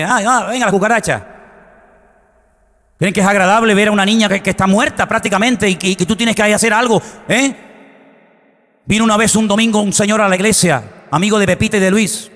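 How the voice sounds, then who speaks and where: Animated pastor with a high voice. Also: male voice. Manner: animated, acts out quoted voices and shouts. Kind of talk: sermon storytelling. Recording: long hall reverb.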